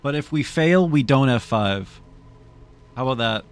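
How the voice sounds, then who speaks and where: A man with a clean, medium-pitched voice speaks in an animated but unhurried way during a live game stream. He keeps the commentary casual and playful, dramatically mulling things over with his viewers in chat.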